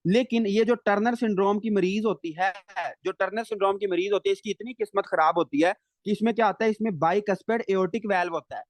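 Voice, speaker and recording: A man giving a live medical lecture, asking questions and answering them himself, stretching key English terms slowly. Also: high voice, no room sound.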